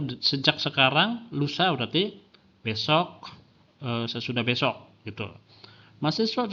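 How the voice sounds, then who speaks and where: A man's voice: medium pitch, lo-fi sound. A male lecturer, explaining a lesson with examples, frequent fillers and rhetorical questions. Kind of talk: classroom lecture.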